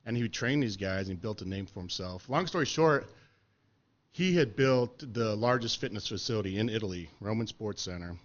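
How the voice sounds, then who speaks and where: A middle-aged man spinning stories on a podcast, easygoing and full of swearing and "you know"s. His voice sits fairly low. The audio is a bit dull and lo-fi. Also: expressive, fairly quick. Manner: laid-back, profane, filler-heavy. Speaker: podcast interviewee. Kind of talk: casual storytelling chat.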